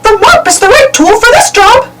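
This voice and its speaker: A woman voicing a cheerful, helpful cartoon mouse in a squeaky, eager way. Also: expressive, moderate pace, over loud music. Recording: far-off mic, loud background noise.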